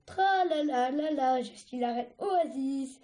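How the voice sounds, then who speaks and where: A woman's voice: high-pitched, slow, dark tone. A woman doing a pompous little dragon queen. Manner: pompous, sing-song. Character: young dragon girl playing a pompous queen.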